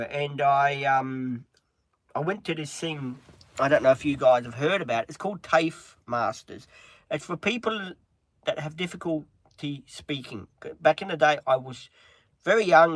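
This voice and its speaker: A man's voice: mid-range voice, fairly bright tone, dry recording. An Australian man hosting a livestream, telling a long story in a casual, rambling way, with many restarts and filler words. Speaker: livestream host.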